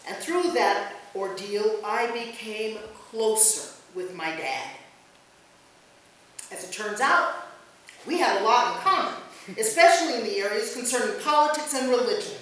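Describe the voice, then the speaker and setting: A woman pastor with a mid-range, slightly bright voice reads a written memorial tribute at a church service. The recording is distant and very echoey, with faint noise.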